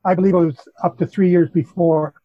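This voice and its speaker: A high-voiced Canadian man lays out his chronology with insistence, correcting himself as he goes. The sound is muffled and lo-fi. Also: fairly even intonation, fairly quick, a little hiss or hum. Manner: insistent, explanatory, self-correcting. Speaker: Bible chronology teacher. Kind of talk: teaching on a group call.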